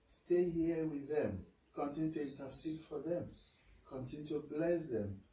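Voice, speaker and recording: Priest praying in a roomy echo. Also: male voice, mid-range voice. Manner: measured, prayerful, rising into praise. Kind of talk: leading prayers and a house blessing. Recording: echoey room, distant muffled mic, noisy.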